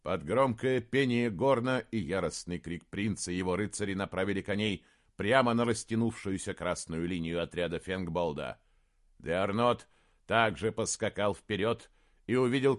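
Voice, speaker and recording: A man narrating a fantasy audiobook in a steady, even reading voice. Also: on the low side. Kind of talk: scripted narration.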